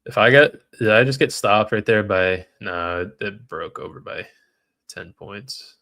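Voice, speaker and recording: Bright-voiced man trading live on stream. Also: on the low side, measured pace. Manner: frustrated, talks to chat while reading comments. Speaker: livestream trader.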